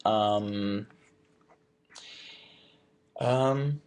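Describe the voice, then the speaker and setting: A man's voice: fairly low pitch, extremely slow, a little mellow. A young man in his twenties answering fan questions in a casual live chat, reading each question aloud and then thinking it through.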